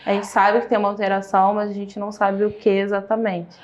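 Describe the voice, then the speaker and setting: A woman's voice: medium pitch, completely flat delivery, fast talker. A woman with a Brazilian Portuguese accent, a psychiatrist guest on a podcast, agreeing often and explaining in plain, casual speech. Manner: agreeable, many short affirmations, explains plainly. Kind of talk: casual conversational interview.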